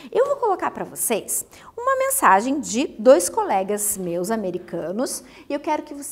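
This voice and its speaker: High, lively woman teaching. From Brazil. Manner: lively, asks the students questions. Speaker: English teacher. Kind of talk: recorded lesson for students.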